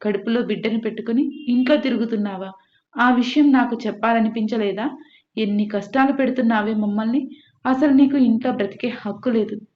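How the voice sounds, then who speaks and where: A woman reading the part of a bedridden mother, scolding loudly and bitterly. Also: on the high side, a little fast, close to an everyday voice. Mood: furious scolding. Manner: shouting, scolding. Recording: echoey room, dull lo-fi.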